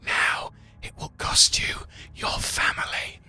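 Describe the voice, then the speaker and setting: A man's voice: slow, sharp tone. Man as demonic possessing spirit, whispered role-play, menacing, taunting, tabletop fantasy game. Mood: cold menace. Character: menacing demonic voice taunting inside a warrior's head.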